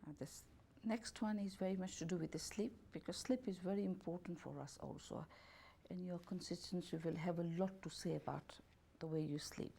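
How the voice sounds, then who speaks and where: Here the same kind of speaker, a woman who works as a holistic health and beauty therapist, unhurriedly reads a self-assessment questionnaire, going through options A, B and C in slightly non-native grammar. Her lowish voice is steady, husky, gravelly and dark in tone.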